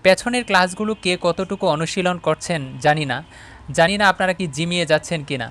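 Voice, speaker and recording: Bangladeshi man teaching English slowly. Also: high voice, a bit bright. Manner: reads English aloud very slowly, word by word; talks to viewers as students, often asking "all right?". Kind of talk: online video English lesson.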